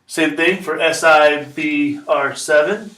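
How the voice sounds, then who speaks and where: A man's voice: fairly high pitch, takes it slowly, fairly bright tone. Guy teaching chem, patient, says okay a lot, roomy echo, kinda far from the mic. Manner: patient, repeats steps, checks in with "okay?". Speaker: chemistry teacher. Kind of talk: classroom lesson explanation. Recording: echoey room, mic far off.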